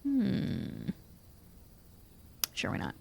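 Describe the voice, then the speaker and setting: A woman streamer giving casual commentary as she plays a game, talking to her chat with quick jumps in pitch. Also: vocal fry, slight background noise. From rural United States. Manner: animated, talks to chat, quick swings up in pitch.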